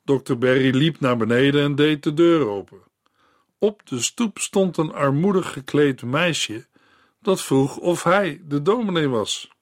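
A man narrating a scripted devotional story in a measured storytelling manner as the host of a Bible series. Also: on the high side, lively intonation, no echo, studio quality.

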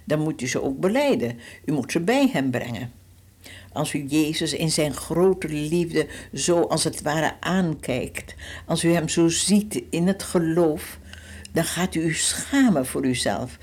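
A woman's voice: sits low, lively intonation, unhurried, a little mellow, husky. An older woman giving a short radio devotional talk, earnest and pleading, quoting scripture with dramatic shifts of voice. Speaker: evangelist. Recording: radio broadcast.

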